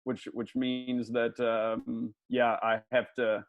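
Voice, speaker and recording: A man's voice: medium pitch, level tone, takes it slowly, gravelly, no echo, muffled recording. A man from Memphis, a pastor and mission director, speaking as a guest with wry, hesitant humor. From Memphis, Tennessee. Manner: wry, self-deprecating, hesitant with fillers. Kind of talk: casual podcast interview.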